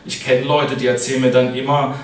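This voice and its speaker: A man's voice: mid-range voice, flat delivery, a little fast, recorded from a distance, slight background noise. A middle-aged man giving a casual sermon, speaking in a chatty way and often asking his listeners "ne?". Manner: chatty, keeps adding "ne?" to address the congregation. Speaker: preacher. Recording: echoey hall, voice from off-mic.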